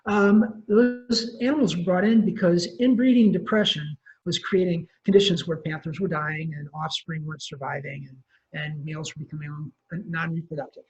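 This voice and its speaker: A man's voice: a little high, fairly even intonation, normal speed. A man, a wildlife ecology professor, giving a casual lecture full of ums and self-corrections. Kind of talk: conversational lecture. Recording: muffled lo-fi webinar audio.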